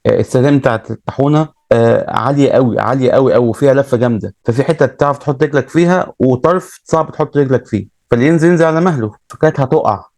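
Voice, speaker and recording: Egyptian male storyteller, quick and casual, repeats himself, dry close mic. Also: medium pitch, a little mellow, dry recording. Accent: Egyptian Arabic. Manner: retells events with many repeats and restarts.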